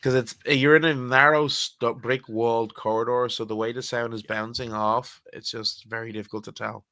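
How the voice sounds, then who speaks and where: A man's voice: medium pitch, flat delivery, normal speed, sharp tone. A man acting as game master, casually narrating a tabletop role-playing game and guiding players through the rules.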